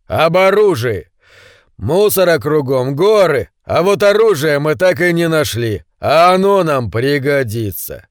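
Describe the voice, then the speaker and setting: A man voicing a swaggering young male street thug who taunts and threatens in slow, drawn-out mockery. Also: a little high, lively intonation, no echo, studio quality. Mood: mocking.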